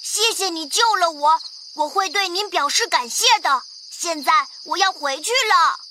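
A woman's voice: very high voice, normal speed, sharp tone, a little hiss or hum. A woman voicing a small, plucky young male mouse hero in a children's audio fairy tale, earnest and childlike. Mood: polite, earnest.

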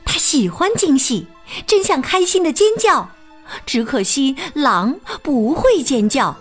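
A woman teacher reading a children's picture book aloud, expressive and sing-song with plenty of exclamations. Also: high-pitched, slow pace, faint music behind. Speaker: storyteller teacher.

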